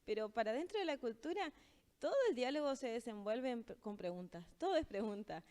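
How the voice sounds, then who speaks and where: A woman teaching in a casual language lesson, explaining patiently and slowing down to read example phrases. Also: fairly high pitch, lively intonation, a little mellow.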